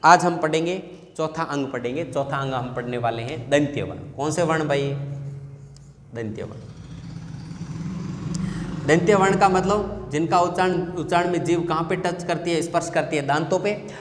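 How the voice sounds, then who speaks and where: A man's voice: on the high side, moderate pace, long pauses, a little hiss or hum. Man teaching in an echoey room. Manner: repeats questions and answers them himself. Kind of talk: classroom lesson. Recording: echoey room with long reverb.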